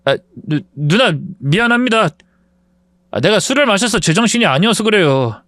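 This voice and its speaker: Male narrator voices a sneering, whiny young bully, pitched up. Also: expressive, moderate pace, a bit bright, dry recording, clean studio sound. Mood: cowering. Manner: sneering, whining.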